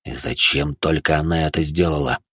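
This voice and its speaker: Tired gruff chieftain druid, grumbling, very deep and dry, as a male narrator puts him on. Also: steady tone, a little fast, bright, forceful tone, no room sound, exaggerated voice. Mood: weary. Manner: weary, grumbling. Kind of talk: audiobook character reading.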